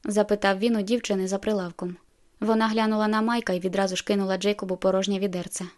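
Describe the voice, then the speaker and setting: A woman narrating a novel in the first person, in a measured, intimate storytelling manner. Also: medium pitch, flat delivery, darkish tone. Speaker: audiobook narrator.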